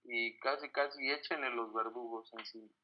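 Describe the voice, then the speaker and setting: A preacher playing a stern, angry master. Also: male voice, medium pitch, steady tone, moderate pace, highs cut off, lightly acted. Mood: reproachful. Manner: reproachful, commanding. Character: stern angry male master scolding a servant.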